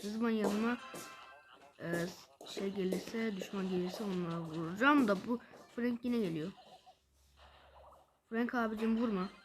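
A woman gaming video creator delivers excited live gameplay commentary over soft background music. Her voice is medium-pitched, and she gets frustrated quickly, firing off repeated words in bursts.

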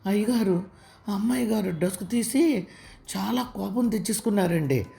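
Give me a woman playing a scared, deferential young housemaid with a mellow voice. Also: mid-range voice, animated, normal speed, vocal fry, voice pushed up. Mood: timid. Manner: timid, deferential.

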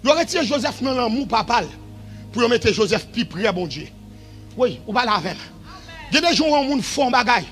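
A man preaching a revival sermon in a shouted, sing-song style that falls to quieter stretches. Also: very high-pitched, lively intonation, moderate pace, faint music behind.

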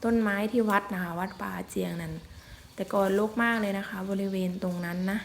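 A woman vlogger filming elephants narrates an outdoor forest vlog, chatting politely and casually with frequent soft particles. Her medium-pitched voice is steady, brisk and gravelly, with a little hiss or hum.

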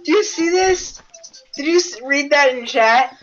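A woman's voice: sits high, lively intonation, unhurried. A woman talking casually with a friend as she plays a game. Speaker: gamer. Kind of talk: casual gaming chat during play. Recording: dull lo-fi voice chat.

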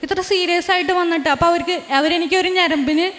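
Very high-voiced young woman, reverberant room. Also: steady tone, fairly bright tone. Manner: earnest, halting storytelling with restarts. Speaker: testifying believer. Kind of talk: personal religious testimony.

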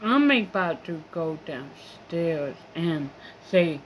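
A woman's voice: low voice, animated, slow, slight background noise. A young woman vlogger in a rambling, profane, complaining monologue. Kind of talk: casual venting monologue.

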